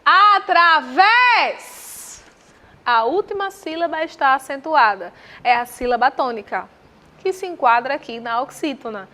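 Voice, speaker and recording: A woman with a Brazilian accent teaching Portuguese, walking through exam answers with rhetorical questions and slow repetition of terms. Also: high-pitched, lively intonation, a bit bright. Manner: didactic, asks the viewer rhetorical questions; spells out terms slowly and repeats them.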